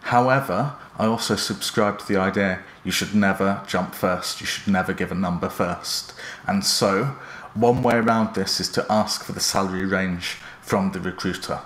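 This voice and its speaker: A man presenting instructional career advice in a measured, earnest, explanatory manner. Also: low voice, fairly even intonation, fairly bright tone. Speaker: presenter giving job interview advice. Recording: roomy echo around the voice.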